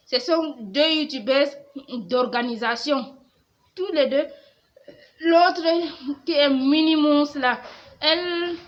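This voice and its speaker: A young woman from Cameroon whose first language is Fulfulde answers questions in an FAQ vlog for her home organisation YouTube channel. Her fairly high voice is soft and hesitant with frequent pauses, and the lo-fi audio is slightly muffled with a faint hiss.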